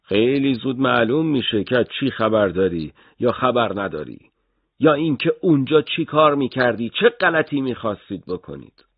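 A man's voice: medium pitch, lively intonation, slightly rough, no echo, phone-quality sound, voice pushed up. A man voicing a menacing middle-aged interrogator who threatens and taunts. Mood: threatening.

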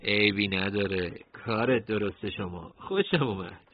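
Man playing a gentle, friendly young man. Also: fairly low pitch, dull audio, a little hiss or hum, natural voice. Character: friendly young man, calm older-brother type.

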